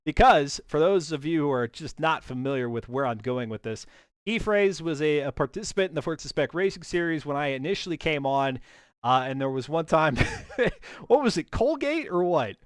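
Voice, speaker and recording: A man's voice: fairly high pitch, expressive, moderate pace, smooth, no room sound, studio quality. A man hosting a racing stream, chatting casually and joking, often restarting his sentences and laughing. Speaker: stream host.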